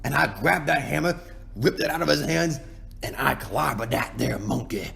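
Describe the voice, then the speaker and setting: A man voicing a self-pitying, boastful cartoon penguin king in a folksy, rambling ASMR roleplay monologue, with a gravelly, creaky voice. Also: medium pitch, lively intonation, normal speed, bright, forceful tone, heavily acted. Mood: boastful, aggrieved.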